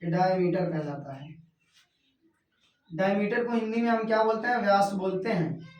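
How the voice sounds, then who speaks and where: A man's voice: high voice, moderate pace, lo-fi sound. A male teacher giving a math lesson at a whiteboard. He keeps repeating each term as a question and then answers it himself. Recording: echoey room, voice from far off.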